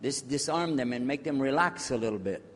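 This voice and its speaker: A man's voice: medium pitch, lively intonation, brisk. A man giving a casual, joking lecture to a live audience, checking in with them as he talks. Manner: jokey, chatty, checks in with the audience. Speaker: speaker on Islamic outreach. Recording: long hall reverb.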